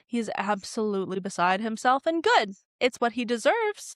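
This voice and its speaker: A woman hosting a casual TV recap, opinionated and animated, with sarcastic asides. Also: mid-range voice, smooth, no echo, studio quality. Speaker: TV recap host.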